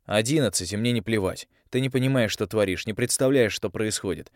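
A man's voice: lowish voice, fairly quick, no echo, clean studio sound, natural voice. A male audiobook reader voicing an irritable, aggressive young man who works as a magic operative. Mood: exasperated. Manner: aggressive, exasperated.

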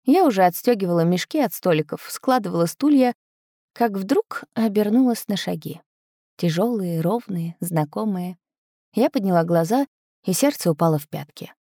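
A woman narrating a first-person audiobook story expressively, with her pitch swinging up on lively moments. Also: moderate pace, no room sound, studio quality.

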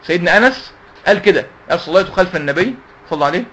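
Man, Egyptian accent, Quran teacher, rapid delivery, high voice, quizzes his class. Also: animated, fairly bright tone. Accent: Egyptian Arabic. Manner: quick, question-and-answer teaching, asks and answers himself. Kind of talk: religious lesson to youth.

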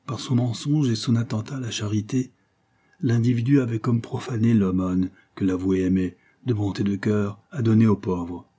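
A man reading a short story aloud in a slow, measured way. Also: lowish voice, fairly even intonation, warm tone, breathy edge. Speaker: narrator.

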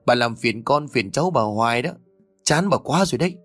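A man's voice: medium pitch, brisk, a bit bright, no room sound, faint music behind, natural voice. A man voicing a harsh, roaring grown son. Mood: harsh anger.

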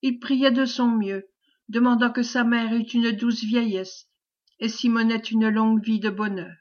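A woman reading a classic novel aloud as an audiobook, measured storytelling. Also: a little high, steady tone, a little mellow. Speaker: audiobook reader. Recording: dull lo-fi recording.

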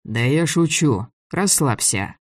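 A man voicing a calm, fatherly older man who teases gently, in a dry audiobook reading. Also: fairly high pitch, slow pace, husky, no room sound, heavily acted.

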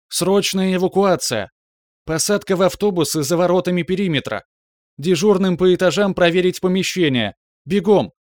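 A man reading an audiobook voices a breathless young woman who loudly orders everyone to evacuate at once. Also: sits high, dry recording, studio quality, pitched above the performer's own voice, close to an everyday voice. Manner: loud, urgent, commanding shouts.

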